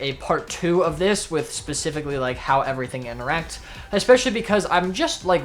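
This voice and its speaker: A man's voice: medium pitch, fairly bright tone. Rambling young man closing out a channel video. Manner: rambling and quick, admits he talks like an auctioneer. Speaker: channel host. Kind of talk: casual outro to the camera.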